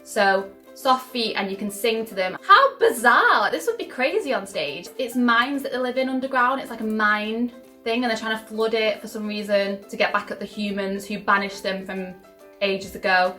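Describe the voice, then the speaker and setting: A woman's voice: fairly high pitch, bright, forceful tone. A young woman chatting casually to camera as a vlogger, bubbly and gushing, with lots of "like" fillers.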